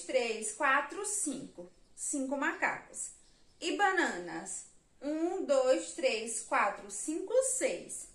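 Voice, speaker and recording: Brazilian woman teacher, high voice, slow and patient with young kids, roomy echo. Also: a bit bright. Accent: Brazilian Portuguese. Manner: slow, patient, counts aloud and spells letters for children. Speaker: primary school teacher. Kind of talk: remote lesson for young children.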